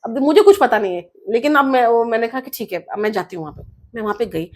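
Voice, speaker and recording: A woman's voice: fairly high pitch, animated, fast, a little mellow. A woman guest telling a personal story in an interview, earnest, often mixing English words into her speech. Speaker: guest author.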